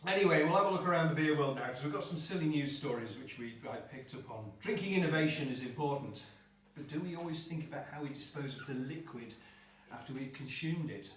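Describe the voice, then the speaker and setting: A man's voice: on the high side, fast. A man co-hosting a brewery live stream, reading odd news items aloud with dry humor. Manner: wry, reads out news items with dry jokes. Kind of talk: casual chat and news reading. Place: room with a table and drinks. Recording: roomy sound from far off the mic, faint music.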